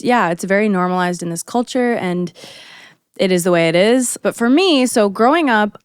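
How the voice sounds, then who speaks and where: A woman co-hosts a podcast in easy, conversational chat, with many fillers. Her voice is smooth and clear at a middle pitch. The recording is dry and close. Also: dry recording. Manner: supportive listener, conversational, frequent fillers. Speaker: podcast co-host. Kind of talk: casual chat.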